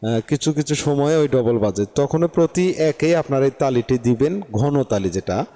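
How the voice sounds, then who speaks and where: A man's voice: mid-range voice, animated, moderate pace, warm tone, in a large hall. A man from Bangladesh giving a harmonium lesson, patiently explaining and counting beats aloud. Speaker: harmonium teacher. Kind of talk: slow spoken music lesson with sung syllables and counting.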